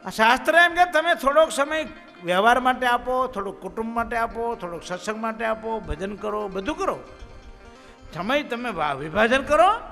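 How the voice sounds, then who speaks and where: A man's voice: very high voice, lively intonation, normal speed, creaky, pushed and bright. A man preaching a festival sermon, telling stories with rising and falling emphasis. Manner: storytelling, rising and dropping emphasis. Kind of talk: sermon with anecdotes. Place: temple festival hall. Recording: long hall reverb, faint music behind.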